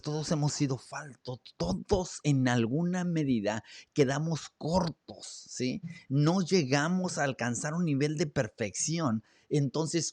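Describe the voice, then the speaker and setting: A man hosting a reflective talk, earnest, asking rhetorical questions, with pauses and fillers, on a studio microphone. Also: medium pitch, darkish tone, dry recording. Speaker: host. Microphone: studio broadcast mic.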